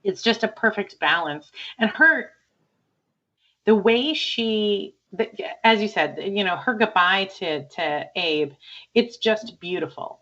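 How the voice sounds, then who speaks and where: A woman's voice: medium pitch, animated, takes it slowly, sharp tone, highs cut off. A woman co-hosting a film podcast, chatting casually and animatedly, laughing often as she retells scenes. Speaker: podcast co-host. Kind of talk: casual film review chat.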